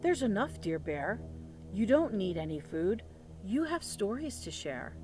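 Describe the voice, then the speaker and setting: A woman's voice: mid-range voice, sing-song, unhurried, a little mellow, soft background music. A woman voicing a small, kind mouse in a children's picture book, soothing in a sing-song way. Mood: reassuring.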